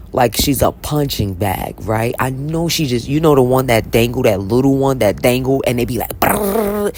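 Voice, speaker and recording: With a bass voice, a woman who vlogs about reading the Bible tells a casual story. There's a slight hiss or hum behind her as she chats animatedly, bluntly and without apology, repeatedly asking "right?"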